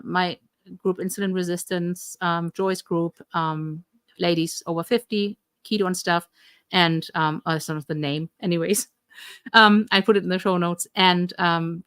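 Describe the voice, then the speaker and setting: Her voice is lowish, a bit bright, and clean in tone, with no room sound: a woman with a German accent co-hosting a live health coaching Q&A stream at home in Atlantic Canada. She chats freely, restarting sentences and saying um a lot.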